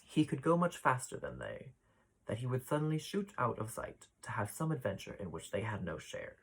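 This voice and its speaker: A man reading a classic children's story aloud, voicing the children's lines with brighter lifts. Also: medium pitch, normal speed, vocal fry, husky, low-quality recording. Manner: expressive reading, voices the children's dialogue with lifts. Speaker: ballet dancer reading a children's book aloud.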